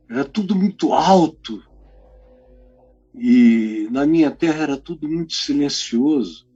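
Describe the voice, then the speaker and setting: An older man from the Amazon giving a conversational devotional talk, animated and sometimes dropping to a whisper, speaking into a phone microphone. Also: medium pitch, slightly rough, muffled recording. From Amazonas, Brazil. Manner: conversational, animated, drops to a whisper to make a point. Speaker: preacher.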